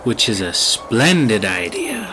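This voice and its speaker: A woman's voice: very deep voice, wildly swooping pitch, slow pace, noisy background, voice pushed down, full character voice. A woman voicing a young man who puts on a snooty, mock-posh voice for a spooky storytime reading.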